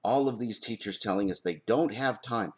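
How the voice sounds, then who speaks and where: A man talking in an opinion vlog as a parent. He argues forcefully, stops to ask pointed rhetorical questions and answers them himself. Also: lowish voice, moderate pace. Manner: emphatic, argumentative, fires rhetorical questions. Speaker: parent commenting on school board policy.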